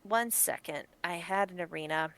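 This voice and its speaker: A woman with a lowish, slightly bright voice runs a tabletop game as game master, speaking at normal speed. Her narration is casual and chatty, and she often breaks off to correct herself and laughs at her own setup.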